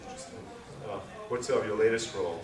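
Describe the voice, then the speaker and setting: A man prompts a guest with interested questions. His pitch moves around a lot, and he sounds set back from the mic. A loud crowd murmurs in the echoey hall behind him. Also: huge pitch swings, fast, recorded from a distance. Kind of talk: convention Q&A.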